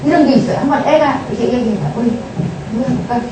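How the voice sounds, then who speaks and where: A woman giving a lively lecture on family communication to a live audience, acting out dialogues between parents and children. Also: on the high side, quick pace. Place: large hall with audience. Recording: echoey hall, distant mic, noisy.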